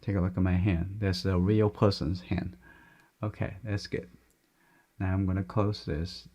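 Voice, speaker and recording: Gentle, low gravelly male painting instructor. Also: level tone, a little slow, dull audio. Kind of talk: step-by-step painting demonstration, unscripted.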